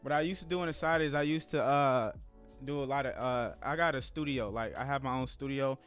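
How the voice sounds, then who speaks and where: Addressing his live-stream audience as guys and y'all, this man in his thirties, a trading streamer, rambles in a relaxed, fairly quick manner. His pitch is medium, and faint music runs in the background.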